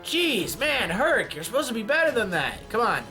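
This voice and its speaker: A man giving casual, jokey commentary on a game simulation, often yelling at events and laughing. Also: sits high, very animated, moderate pace, soft background music. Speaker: YouTube gaming commentator.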